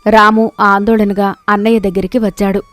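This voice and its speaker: A woman narrating a moral tale for an animated storybook in an even, expressive manner. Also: medium pitch, moderate pace, no echo.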